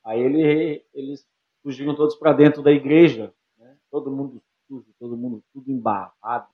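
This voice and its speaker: Man over a tinny line. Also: medium pitch. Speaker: podcast host. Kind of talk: casual chat, recounting a story.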